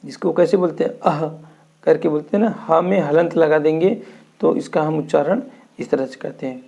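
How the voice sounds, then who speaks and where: A young man teaches Hindi grammar to a class. His voice is a little high and has a gravelly edge. He explains each term slowly and answers his own questions. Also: mellow.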